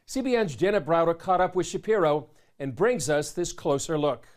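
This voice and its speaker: A man's voice: on the high side, expressive, moderate pace. A man with an American accent reading scripted introductions as a news anchor. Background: music.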